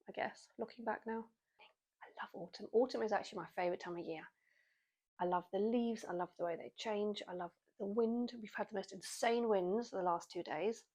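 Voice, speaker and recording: A British vlogger in her forties chats casually to camera in a mid-range voice with a darkish tone. She speaks British English and drops in wry, self-mocking asides.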